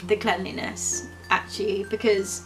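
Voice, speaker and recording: A woman's voice: mid-range voice, flat delivery, measured pace, over music, rough recording. A woman co-hosting a casual review vlog, chatty and candid, laughing easily. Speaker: vlogger co-host.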